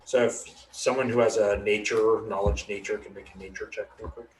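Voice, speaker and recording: A man casually narrating a tabletop game as game master, in a halting, improvised way. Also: on the low side, steady tone, reverberant, slight background noise, low-quality recording.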